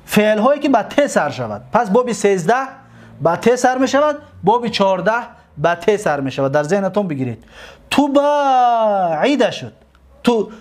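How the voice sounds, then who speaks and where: A man with a fairly high voice teaches a class. He recites drill lists in a chanting rhythm, repeats key points and puts questions to the class. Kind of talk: lecture on Arabic verb forms.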